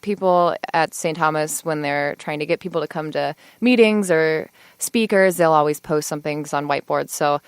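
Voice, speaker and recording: A woman's voice: deep voice, normal speed, clear, resonant tone, no echo. A woman in her twenties, a law student, chatting as a podcast guest with lots of fillers and easy laughs. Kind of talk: casual podcast interview.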